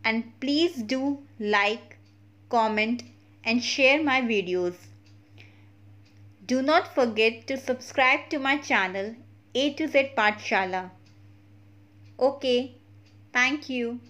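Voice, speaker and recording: A woman with an Indian English accent gives an online lesson in a high voice. She speaks slowly and walks through each point step by step, checking in with her viewers as she goes. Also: a bit bright. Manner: slow, explains step by step, checks with "okay?". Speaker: French teacher.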